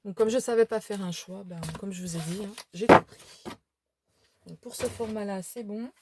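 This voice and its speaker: A woman's voice: mid-range voice, a little fast, heavy background noise. A tired woman showing a craft shopping haul at home, chatting casually with many fillers and restarts. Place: home room by a window.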